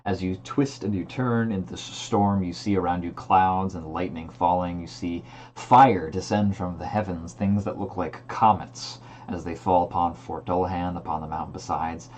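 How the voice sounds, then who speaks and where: Deep-voiced man running a tabletop game. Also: steady tone, normal speed, a little mellow, a little hiss or hum. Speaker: game master. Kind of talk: narrating a tabletop fantasy game, improvised.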